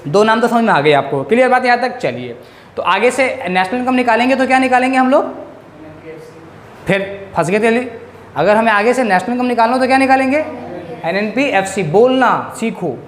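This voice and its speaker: A male economics teacher giving a classroom-style lecture, drilling his students with quick questions. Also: very high-pitched, lively intonation. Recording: echoey room.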